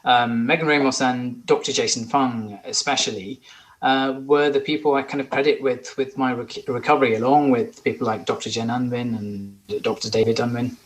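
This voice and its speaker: Guest: man in his forties, from Sri Lanka, earnest and eager, mid-pitched voice. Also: fairly even intonation, normal speed. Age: 40s. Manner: earnest, eager, with some restarts. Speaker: podcast guest. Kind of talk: conversational interview.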